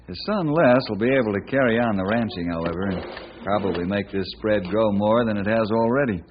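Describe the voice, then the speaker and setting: An American actor playing a kindly, principled forest ranger in old-time radio drama style, with an earnest, folksy, friendly manner. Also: male voice, lowish voice, a little fast, close to an everyday voice. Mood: reflective, earnest. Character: kindly, principled male forest ranger, plain-spoken and steady. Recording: muffled, noisy old radio recording.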